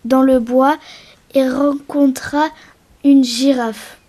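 High-voiced playful woman storyteller. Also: fairly even intonation, dark tone. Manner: playful, deliberately muddled. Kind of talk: playful children's story reading.

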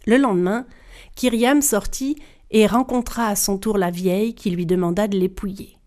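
A woman storyteller telling a folktale aloud, expressive and speaking directly to her listeners. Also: medium pitch, moderate pace.

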